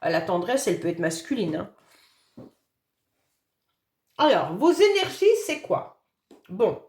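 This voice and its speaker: A woman with a hoarse voice after illness, giving a monthly astrology reading in a gentle, reassuring way. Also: medium pitch, sing-song, slow, reverberant. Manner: gentle, reassuring, fond of "d'accord?" and "hein". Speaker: tarot reader.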